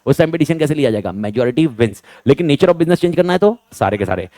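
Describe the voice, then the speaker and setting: A male teacher giving a fast exam revision lecture, firing questions at students and answering them himself, repeating key points. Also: fairly high pitch, expressive, mellow, no echo.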